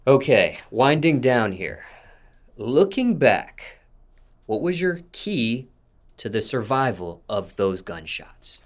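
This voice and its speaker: A man hosting an interview, asking measured, methodical follow-up questions. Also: mid-range voice, sing-song. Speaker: interview host.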